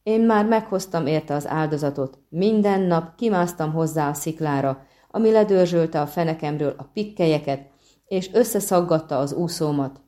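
A haughty, petulant siren shrills her demands, as a woman reader puts her on. The storybook sea creature sounds high and indignant, pushed up well above a dark, mellow reading voice. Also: lightly acted. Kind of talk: audiobook reading.

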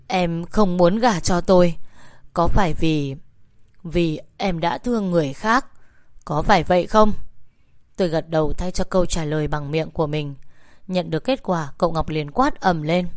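A woman giving measured, somber first-person audiobook narration. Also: on the low side, darkish tone, no room sound, clean studio sound.

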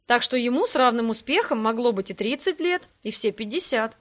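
A woman narrating a first-person fantasy audiobook in a lively, wry storytelling manner. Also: a little high, fairly quick.

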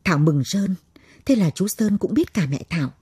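A woman storyteller narrates in a slow, measured way. Her voice is very husky, low and mellow, and the recording is close and dry. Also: expressive, no echo.

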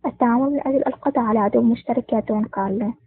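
Brief: woman voicing a smooth-talking male spy, husky, fast, phone-line audio. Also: a little high, no echo. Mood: sly. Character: calm scheming male foreign agent. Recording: tinny phone-like dry recording.

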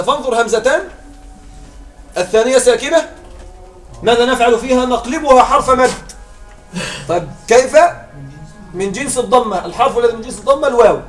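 High-voiced man teaching in an echoey room. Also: fast, long pauses. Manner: drills examples, constantly checks understanding with questions. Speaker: Arabic morphology teacher. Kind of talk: classroom grammar lecture. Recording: echoey room, far from mic, faint music.

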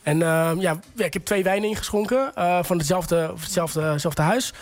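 A man's voice: high-pitched, normal speed. Een man die als wijnkenner te gast is en met veel herhalingen en stopwoordjes uitlegt hoe je wijn proeft. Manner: repeats words, many fillers while explaining. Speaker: wine expert guest. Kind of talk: explaining to a host.

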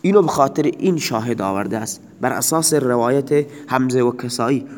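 A man giving a slow, deliberate audio grammar lecture as a teacher, repeating each example twice. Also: mid-range voice, a little mellow, long reverb tail.

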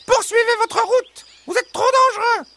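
A woman's voice: extremely high pitch, normal speed, noisy background. A woman voicing three fussy, flustered farmyard hens in a children's audio story, hesitating and stammering as they talk. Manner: hesitant, full of "bah" and "euh".

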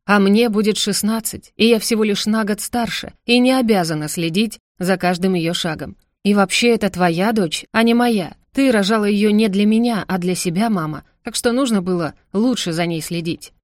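A woman reading an audiobook voices a bitter, defiant sixteen-year-old girl who shouts at her parents. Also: mid-range voice, moderate pace, few pauses, no room sound, studio quality, natural voice. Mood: angry, defiant.

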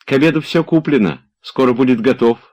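A man voicing a quick-witted housekeeper woman with a practical, brisk manner. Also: medium pitch, a little mellow, voice pushed up, natural voice.

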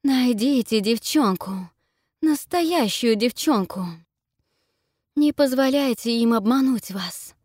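A commanding evil tree from a fantasy audiobook, played by a woman, barking loud, clipped orders at its creatures. The voice sits higher than the reader's own, in a dry, close recording. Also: lively intonation, slow, no room sound. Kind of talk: audiobook reading.

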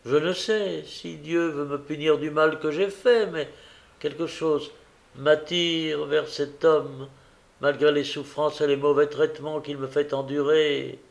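A man's voice: a little high, steady tone, a little slow, creaky. Desperate young woman pleading tearfully, read by a man. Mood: anguished. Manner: fervent, anguished pleading.

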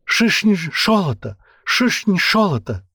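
A scrawny, lisping little thief hisses out frantic pleas, as a male narrator puts him on. The pitch climbs far above the reader's own, and the words are drawn out slowly. It is recorded dry and close. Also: big pitch swings, sharp tone, husky, no room sound, heavily acted. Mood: desperate. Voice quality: heavy lisp. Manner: hissing, frantic.

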